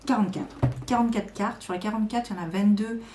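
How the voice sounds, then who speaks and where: A tarot and oracle card YouTuber chats casually to camera about her card decks, enthusiastic but hesitant with many fillers. Her medium-pitched voice moves quickly with fairly even intonation, in an echoey room with faint noise.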